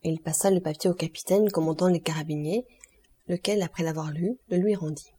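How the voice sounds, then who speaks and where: A woman narrates a classic novel in a measured, expressive audiobook reading. Her voice is low, dark and mellow. It carries a husky grain throughout.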